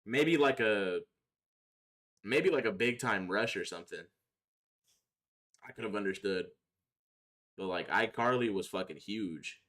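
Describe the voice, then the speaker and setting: With lively intonation and a fairly bright tone, a young male streamer speaks a little slowly and leaves long pauses in his low-leaning voice. He's chatting casually on a livestream, giving viewers slangy, profane, opinionated answers.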